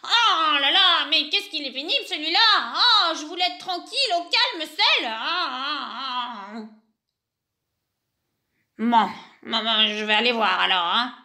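A woman's voice: high-pitched, lively intonation, measured pace, sharp tone, full character voice. A woman voicing a grumpy, lonely old witch who sighs and mutters to herself. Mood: grumbling. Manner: grumbling, sighing, muttering "non, non, non".

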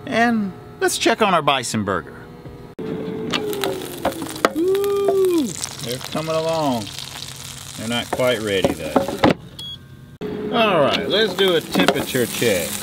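Filmed close up on a handheld camera, a male trucker chats folksily to viewers during a casual cooking vlog, starting in the sleeper cab and moving outdoors to a fuel stop. His slightly high voice swoops wildly in pitch, and he speaks slowly with long pauses, over noisy truck and road sounds.

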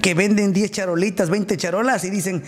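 A man's voice: high-pitched, fairly even intonation, a little fast. A Mexican man livestreaming casually, greeting viewers in crude slang and ranting combatively. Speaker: livestreamer and baker. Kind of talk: casual live stream chat greeting viewers.

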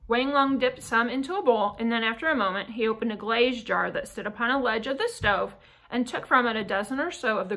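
A woman reading a novel aloud in a measured, careful way. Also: fairly high pitch, bright, forceful tone, rough recording. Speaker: audiobook reader.

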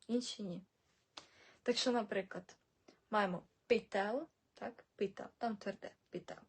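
Husky woman teaching a casual language lesson. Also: mid-range voice, measured pace. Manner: explains patiently, repeats words, asks "так?" often.

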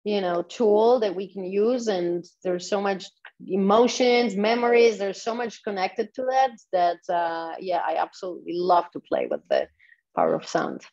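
A woman's voice: mid-range voice, expressive, normal speed, darkish tone. A woman, a guest on a podcast, who talks enthusiastically and guides listeners step by step. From Poland. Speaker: guest, sexuality coach. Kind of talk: podcast interview. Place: home in Tulum. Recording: dull lo-fi audio.

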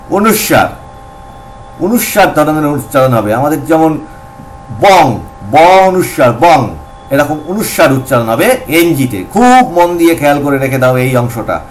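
A man teaching a language lesson, slowly sounding out letter pairs and repeating each one. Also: a little high, slight background noise. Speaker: English tutor.

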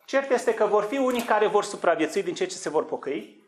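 A man preaching a sermon, urgently exhorting his listeners with rhetorical questions and swinging from low earnest tones to high fervent outbursts. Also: lively intonation, slight background noise. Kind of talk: sermon on end-times prophecy.

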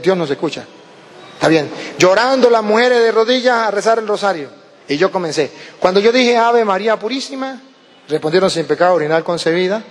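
High-voiced Venezuelan priest telling a story. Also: male voice, long reverb tail. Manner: animated, acts out quoted voices. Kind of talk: storytelling testimony.

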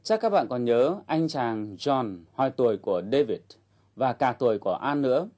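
Calm man guiding an English lesson. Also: mid-range voice, moderate pace. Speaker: English teacher host. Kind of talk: instructional narration.

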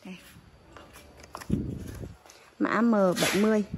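A woman's voice: medium pitch, steady tone, takes it slowly. A woman giving a casual, polite sales walkthrough as a seller, listing items and prices to customers while filming on a handheld phone. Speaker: bicycle seller. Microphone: phone held while filming. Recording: noisy handheld phone recording.

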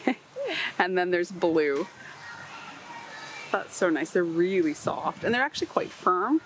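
A woman's voice: fairly low pitch, big pitch swings, slow, a little hiss or hum, rough recording. A woman in a large warehouse store, chatting casually as she reads product labels aloud for a shopping vlog. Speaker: shopping vlogger.

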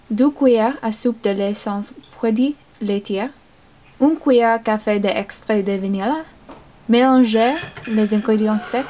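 A young woman, talking in a flat, detached, deadpan way, as in a mock art-film. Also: medium pitch. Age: young adult. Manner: flat, detached, unhurried delivery. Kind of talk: deadpan art-film narration and phone scenes. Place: house kitchen, indoors.

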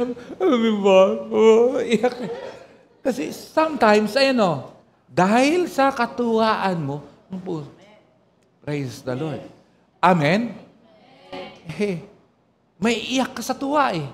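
A man preaching a sermon to his church in a lively, humorous storytelling way, with loud bursts and quiet asides. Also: a little high. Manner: animated, swings between loud exclamations and soft asides; humorous storytelling, often breaks into short praise phrases. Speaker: pastor. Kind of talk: Taglish sermon with anecdotes.

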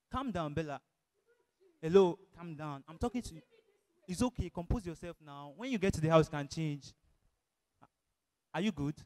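A man playing a fast-talking nervous friend. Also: a little high, a little mellow, in a large hall, close to an everyday voice. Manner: anxious, placating, repeats himself. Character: nervous young man calming his friend. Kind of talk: comedy skit acting.

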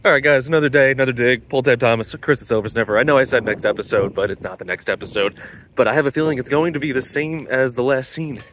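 A young man narrates his own outdoor vlog in a chatty, casual way, speaking straight to the viewers. His voice sits at a middle pitch and is recorded on a handheld phone. Faint outdoor ambience runs behind him. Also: steady tone, quick pace, fairly bright tone, slight background noise. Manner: chatty, addresses viewers directly. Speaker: host of a metal detecting vlog. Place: outdoors at a beach.

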